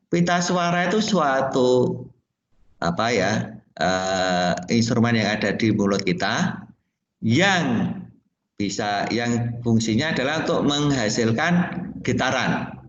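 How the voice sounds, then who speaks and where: With a medium, slightly bright voice, an Indonesian man teaches music to a class, explaining simply, now and then singing solfège and questioning the students. Some hiss or hum runs through this dull, echoey classroom recording.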